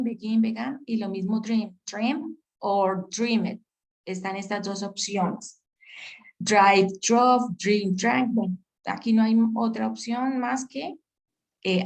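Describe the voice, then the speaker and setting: A woman's voice: on the high side, creaky, darkish tone, poor audio. Patient woman teaching on a video call. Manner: patient, checks understanding with questions. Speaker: English teacher. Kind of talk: online class explanation. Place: virtual session.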